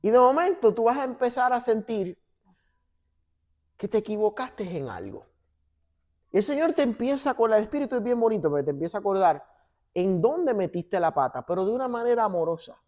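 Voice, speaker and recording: Pastor telling stories. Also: male voice, sits high, a little fast. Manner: animated storytelling, acts out dialogue. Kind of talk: sermon with church banter. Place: church sanctuary.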